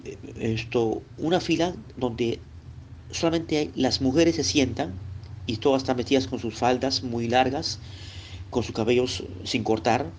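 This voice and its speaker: This recorded Bible lesson comes from a man from Lima, Peru, whose middle-pitched voice carries a Lima Peruvian Spanish accent. His teaching style is chatty and direct, punctuated by small tag questions aimed at the listener, over a faint background hiss.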